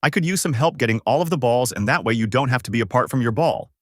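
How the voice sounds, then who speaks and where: A man voicing a bossy, excitable young woman in a fan-made story, talking in a raised, snappy, impatient voice. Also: medium pitch, fast talker, no room sound, clean studio sound, lightly acted.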